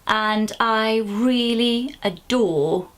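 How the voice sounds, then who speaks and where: Talking very slowly, this parenting vlogger, a woman from Wales in her thirties, speaks casually to the camera. She is animated and jumps up into a high voice for small asides.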